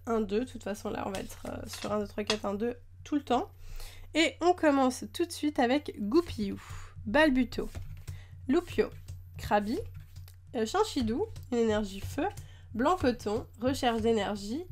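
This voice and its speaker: Chatty woman, slightly high voice. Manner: chatty, gushing over cute cards. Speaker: card-opening YouTuber. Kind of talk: casual chat while unboxing. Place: at a desk.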